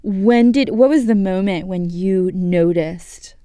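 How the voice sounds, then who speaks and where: A woman as guest host of a public radio show, reading her introduction and asking questions in a measured, scripted way. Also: medium pitch, dark tone, smooth, no echo, clean studio sound.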